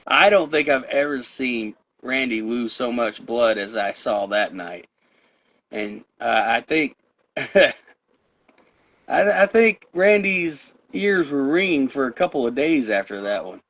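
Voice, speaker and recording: Wrestling is the topic of this casual chat show, where a tired co-host with a mid-range, fairly bright voice that is wearing out rambles along. He laughs frequently, and the audio is dull and lo-fi.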